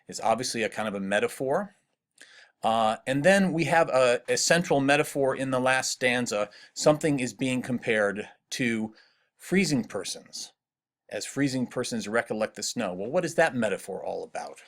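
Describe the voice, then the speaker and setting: A middle-aged man teaching literature in a recorded lecture, asking students questions and slowing down to read poem lines aloud. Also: medium pitch, expressive, fairly bright tone.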